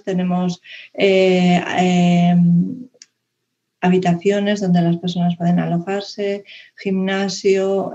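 A woman's voice: mid-range voice, mellow. Woman from on a dull video call. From Spain. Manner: hesitant, many fillers and restarts. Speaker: conference speaker. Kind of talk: online presentation talk. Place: room indoors, video call.

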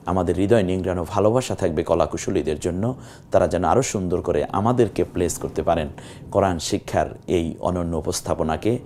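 A man's voice: low voice, mellow, slight background noise. A middle-aged man teaching Quran reading in a recorded lesson. He drags out sample words to show their length, then asks and answers his own questions. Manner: drawn-out demonstrations of recitation.

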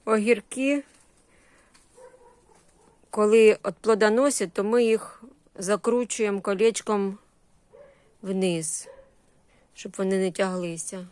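Touring her vegetable garden and greenhouse without a script, a woman chats casually in short, homely phrases full of diminutives, with a Ukrainian accent and Russian-influenced surzhyk words. Her medium-pitched voice is darkish yet clear and resonant, steady in tone, slow-paced with frequent pauses, and recorded with no echo.

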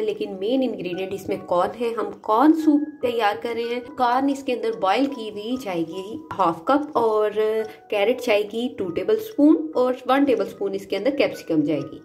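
Woman narrating a recipe over soft music. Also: mid-range voice, moderate pace, hardly any pauses. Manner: steady instructional narration. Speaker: cooking channel host.

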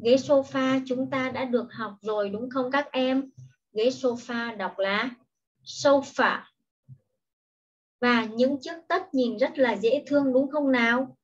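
Slow, patient woman teaching children. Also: high-pitched. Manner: explains each word in Vietnamese, then says the English word clearly and repeats it. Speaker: primary school English teacher. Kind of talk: slow, patient online lesson for young children. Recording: dull, lo-fi recording.

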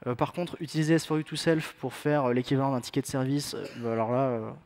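A man's voice: medium pitch, quick pace, darkish tone, slight background noise. A man giving a technical conference talk in a self-mocking, joking way, with many fillers. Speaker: conference speaker.

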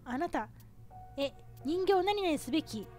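A woman from Japan with a high voice talks her way through a horror game as a streamer, musing aloud and startling easily. Game music plays clearly under her voice. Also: expressive, unhurried, a little mellow. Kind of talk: casual horror game let's play commentary.

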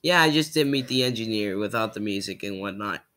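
A man's voice: lowish voice, expressive, brisk, sharp tone. A man with a Texan accent, casually talking between voice impressions. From Texas. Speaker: YouTuber.

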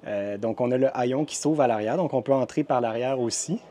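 Touring an indoor RV show, a vlogger with a Québécois French accent casually walks viewers through the campers, chatting and describing as he goes with frequent hesitations. His voice is mellow, medium-pitched, and fairly quick.

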